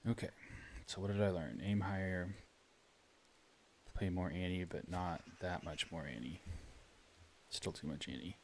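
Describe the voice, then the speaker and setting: Deep-voiced man chatting through gameplay. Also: unhurried, a little hiss or hum. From rural Illinois, US. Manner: chatty, talks to chat while playing. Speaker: streamer. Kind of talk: casual gameplay commentary.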